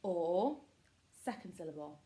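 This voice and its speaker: An encouraging woman teaching phonics to young children, sounding out words one syllable at a time. She speaks slowly and her pitch jumps up and down with lots of life. She fills the gaps with quick bursts of praise. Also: animated, warm tone. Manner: encouraging, gives short prompts and praise. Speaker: primary school teacher.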